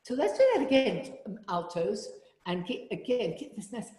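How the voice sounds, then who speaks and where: A woman's voice: medium pitch, lively intonation, normal speed, warm tone. A woman leading an online choir rehearsal, giving instructions and singing example phrases between them. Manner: demonstrates sung phrases between spoken instructions. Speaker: choir leader. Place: home room. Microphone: video call. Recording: roomy video call with reverb.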